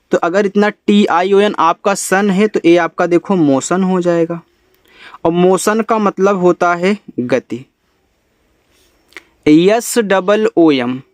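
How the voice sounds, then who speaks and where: Guy teaching english spelling, a bit high voice, dry close sound. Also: dry recording. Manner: spells out letters slowly, then explains in Hindi. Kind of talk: spelling lesson.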